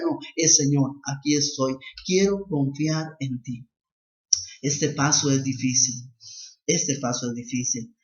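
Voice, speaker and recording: A man preaching a sermon as a lay missionary, emphatic and repetitive in his cadence. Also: fairly high pitch. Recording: echoey, dull lo-fi recording.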